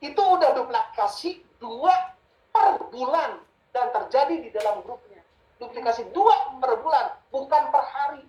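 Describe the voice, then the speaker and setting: A man's voice: very high-pitched, lively intonation, moderate pace, a little mellow, dull audio. Emphatic male business mentor, echoey room. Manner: emphatic, repeats key phrases. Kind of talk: sales coaching talk.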